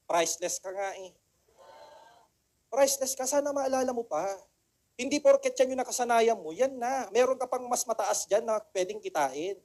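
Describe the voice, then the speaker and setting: A man's voice: extremely high pitch, expressive, normal speed, darkish tone. Man, motivational seminar speaker, emphatic, rhetorical questions, repeats phrases, coaxing. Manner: rhetorical, keeps asking "di ba?"; mixes English phrases into the talk. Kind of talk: seminar talk to an audience.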